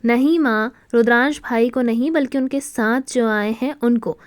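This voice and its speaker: A woman's voice: on the high side, normal speed, no room sound, studio quality, lightly acted. A woman voicing a bold, direct young wife who confronts her family with pointed questions. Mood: determined.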